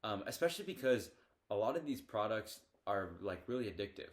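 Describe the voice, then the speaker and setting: A man's voice: on the low side, lively intonation, fairly quick. A teenage boy co-hosting a podcast in casual chat, talking loosely with many fillers and restarts. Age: teens. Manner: hesitant, lots of fillers and restarts. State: hiccups. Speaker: podcast co-host.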